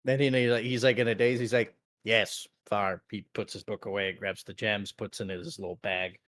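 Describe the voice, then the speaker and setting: A man's voice: on the low side, level tone, brisk, fairly bright tone. A man chatting in a tabletop game, telling his part with lots of laughs. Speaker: player. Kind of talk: casual chat in a tabletop game.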